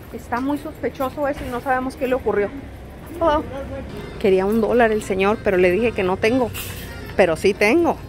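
A middle-aged woman with a Mexican Spanish accent, chatting playfully and teasing as she talks to her viewers. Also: fairly high pitch. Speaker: vlogger. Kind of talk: casual vlog chat to viewers. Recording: steady background noise.

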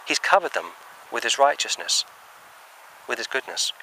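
A man's voice: mid-range voice, sing-song, normal speed, sharp tone, a little hiss or hum, rough recording. A man preaching a sermon outdoors, earnest and emphatic, reading from the Bible between points.

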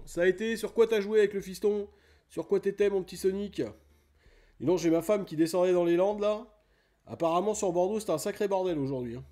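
Chatty middle-aged male streamer, mellow voice. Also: high voice. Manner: chatty, greets viewers by name, fillers like "tac" and "hop là". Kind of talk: casual let's play chat.

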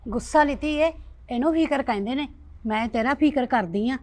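A woman plays a protective mother in a family drama, scolding her daughter loudly and then pleading with her in a fretful tone. Her voice sits fairly high for a woman. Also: normal speed, lightly acted. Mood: worried. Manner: loud scolding, lecturing. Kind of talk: village family drama acting.

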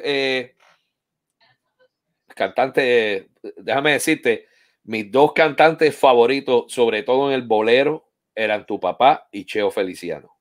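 A man hosting a casual online interview, telling stories with playful asides. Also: mid-range voice. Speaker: host.

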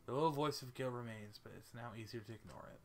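A man reading a visual novel aloud for a let's play, quiet and even. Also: mid-range voice, fast talker, slight background noise.

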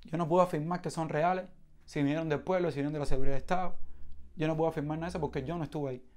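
Man, Cuban accent, spoken testimony, animated storytelling, slightly higher voice. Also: racing. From Cuba. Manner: animated storytelling with sound imitations and restarts. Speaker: protest participant giving testimony.

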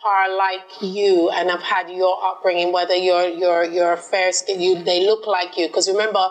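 A woman from Jamaica hosts a podcast interview. She asks chatty, winding questions and backs up her guest with steady encouraging murmurs. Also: fairly low pitch, moderate pace, poor audio. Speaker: podcast host. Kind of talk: interview conversation.

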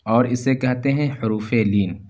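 A man's voice: mid-range voice, a little slow, a little mellow. A man teaching Quran letter reading step by step, patiently repeating each syllable in a drill.

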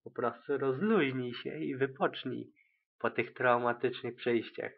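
A man's voice: medium pitch, steady tone, measured pace, vocal fry. A man voicing a fussy, dramatic young unicorn mare with a theatrical, fretful manner in an amateur audiobook reading. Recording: tinny, phone-like lo-fi sound.

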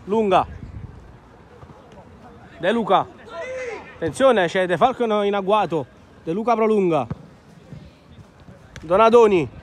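A man's voice: high-pitched, expressive, takes it slowly, long pauses, slight background noise. A man giving live amateur football commentary outdoors, in short clipped phrases naming the players. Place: outdoor floodlit football pitch at night.

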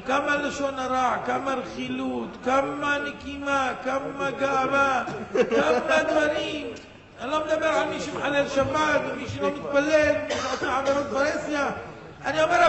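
A rabbi delivering a fervent sermon with a parable, dropping to a hush and rising to shouts. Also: male voice, very high-pitched, creaky. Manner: fervent, swings between hushed and shouting, acts out the judge. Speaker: rabbi preaching. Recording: echoey hall with long reverb, faint noise.

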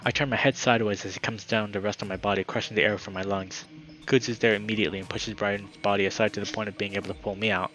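A man's voice: fairly low pitch, steady tone, fast talker, few pauses, a bit bright, poor audio. A man reading a visual novel aloud for his channel, narrating dramatically with the odd casual aside. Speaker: gaming YouTuber.

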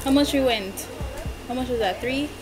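A woman's voice: high-pitched, moderate pace. A young woman chatting casually as she hosts a challenge, eating candy and reacting to it as she talks. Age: young adult. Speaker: challenge video host. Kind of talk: casual chat. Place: bedroom, indoors. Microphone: camera across a small table. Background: music in the background.

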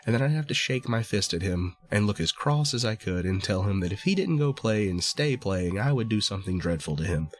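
A man's voice: lowish voice, lively intonation, fairly quick, hardly any pauses. A man voicing a sly little male dwarf who haggles and coaxes in a storybook reading. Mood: chatty. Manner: wheedling, coaxing haggler.

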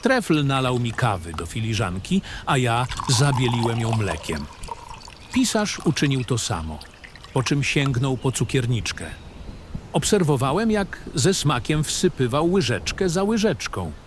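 In a literary, first-person style, a male narrator of a fantasy audio drama reads his story at an unhurried pace, his medium-pitched voice lively and expressive. Gentle nature sounds sit faintly behind him, and the background is noisy overall.

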